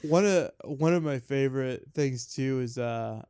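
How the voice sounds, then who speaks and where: A man's voice: mid-range voice, a little slow, mellow, smooth. A man chatting casually about a film, rambling with lots of fillers and frequent laughter. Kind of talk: casual chat.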